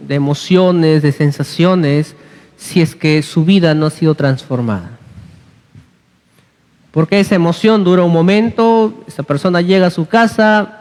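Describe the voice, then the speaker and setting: A man's voice: fairly high pitch, darkish tone. A man from Peru preaching a sermon in a church, exhorting the congregation and dropping humorous asides. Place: church hall. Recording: long church reverb.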